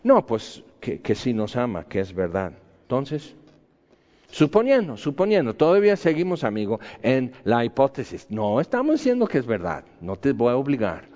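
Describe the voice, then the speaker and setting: A man's voice: medium pitch, wildly swooping pitch, normal speed, mellow. A man preaching a sermon in a conversational, argumentative way, full of rhetorical questions. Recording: echoey hall, dull lo-fi sound.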